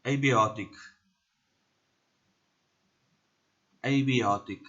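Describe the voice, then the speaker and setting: South African male teacher, mid-pitched, patient drills, slightly dull lo-fi sound. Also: a bit bright. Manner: repeats each word slowly three times, explains with fillers. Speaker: pronunciation teacher. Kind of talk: slow word-by-word pronunciation lesson.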